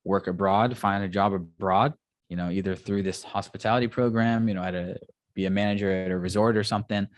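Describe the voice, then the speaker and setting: A man with a very low voice talks as an interview guest. He rambles with enthusiasm, leaning on "like" and "um" as he goes, and the sound is dry and close to the mic. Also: fairly even intonation, brisk, no echo. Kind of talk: casual interview chat.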